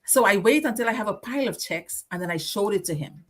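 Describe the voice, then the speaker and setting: Woman, Guyanese accent, co-host, casual live chat, animated storytelling, mid pitch. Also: quick pace, soft background music.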